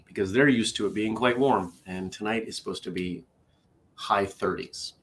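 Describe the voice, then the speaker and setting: A man's voice: lowish voice, normal speed, a little hiss or hum. A man hosting a casual morning livestream, chatty and tired after a bad night's sleep, greeting viewers and reading out their comments. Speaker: host.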